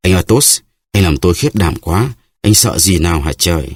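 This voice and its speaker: A man's voice: low voice, lively intonation, moderate pace, slightly rough, no room sound. A man reading an audiobook, voicing a hot-headed young male musketeer who speaks with urgency. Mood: urgent. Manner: impassioned, urgent.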